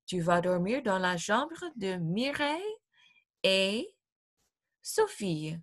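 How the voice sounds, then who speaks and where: A woman voicing a friendly father welcoming a guest, read slowly and clearly from a storybook. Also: medium pitch, sing-song, no echo, studio quality. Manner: slow, clear read-aloud delivery.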